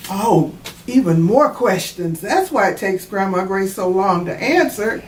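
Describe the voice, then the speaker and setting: An author reads her own children's storybook and explains it in a teacherly way. Her medium-pitched voice has lively intonation and a slow, deliberate pace. The recording sounds roomy and a little distant, with faint noise behind her.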